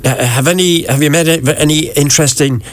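A man's voice: fairly high pitch, fairly quick, a little hiss or hum. A man with an Irish accent interviewing a guest as host of a conversational local radio show.

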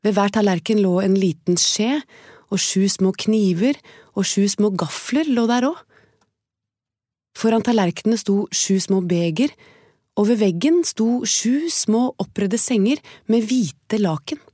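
A woman reading a fairy tale aloud as a storyteller, calm, gentle and evenly paced. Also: medium pitch, no echo, clean studio sound.

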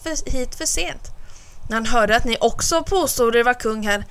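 A woman's voice: on the high side, a bit bright, smooth. Woman voicing a polite little rabbit. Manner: polite, courteous.

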